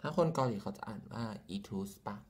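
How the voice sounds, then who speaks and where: A man's voice: medium pitch, quick pace, husky. A man chatting casually through a makeup tutorial, rambling with lots of fillers and using polite feminine particles, recorded on a phone camera. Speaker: makeup vlogger.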